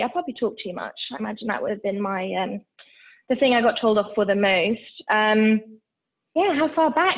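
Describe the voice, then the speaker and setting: A woman in her thirties from Switzerland with a mixed international English accent, chatting candidly as an interview guest, with many fillers. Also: a little high. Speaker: guest, founder of a business. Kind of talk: casual interview. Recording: tinny phone-like line.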